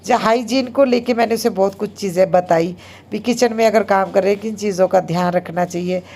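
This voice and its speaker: A woman in her thirties narrates her home vlog in a casual, chatty way. She talks very fast and keeps dropping little fillers as she goes. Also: medium pitch, a little mellow. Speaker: homemaker vlogger.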